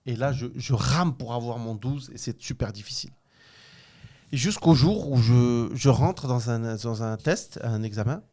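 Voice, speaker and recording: A man in his thirties from Morocco, telling a school story in casual chat, animated and frank, laughing often and using slang. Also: medium pitch, moderate pace. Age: 30s. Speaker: podcast co-host.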